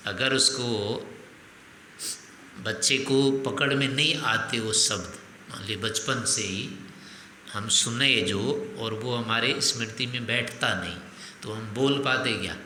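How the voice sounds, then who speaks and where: Older guy teaching spiritual stuff real slow, lots of questions back to the crowd, echoey hall w faint hiss. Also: mid-range voice, pushed and bright. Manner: reasoning with rhetorical questions.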